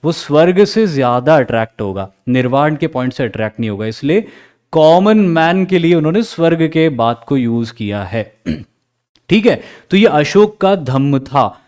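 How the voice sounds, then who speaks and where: Man, Indian accent, history teacher, lively recorded lecture, slightly high pitch. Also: normal speed. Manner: lively, asks questions and acts out students' replies.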